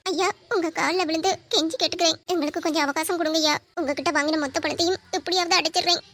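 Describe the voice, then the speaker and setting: A poor old grandmother, acted by a woman pleads in a very high, bright voice. Her begging tumbles out quickly and urgently. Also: fairly even intonation, a little hiss or hum. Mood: desperate. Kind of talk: Tamil audio drama acting.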